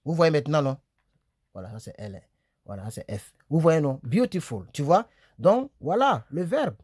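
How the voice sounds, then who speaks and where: A man's voice: a little high, sing-song, darkish tone, breathy edge, no room sound, clean studio sound. Chatty man teaching English verbs. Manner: chatty, repeats words slowly, asks "tu vois, non?". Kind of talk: casual video lesson. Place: small room, on a bed.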